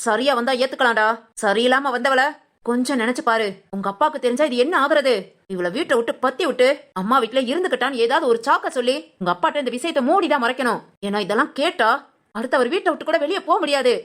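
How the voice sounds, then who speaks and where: A woman's voice: sits high, lively intonation, fast, fairly bright tone. A woman playing a domineering mother-in-law who harshly scolds her daughter-in-law in a village family drama. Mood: scolding.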